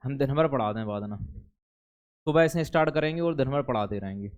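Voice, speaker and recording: A man's voice: mid-range voice, lively intonation, fairly quick, smooth, muffled recording. A male teacher from India, chatting and joking with his classroom students between reading aloud from the text.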